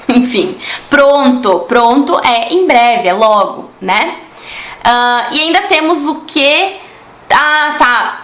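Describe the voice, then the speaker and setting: A woman's voice: on the high side, fairly bright tone, echoey room. A woman, teaching a casual online Spanish lesson and often checking in with her listeners. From Brazil. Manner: chatty, asks listeners "né?" and "tá?" often.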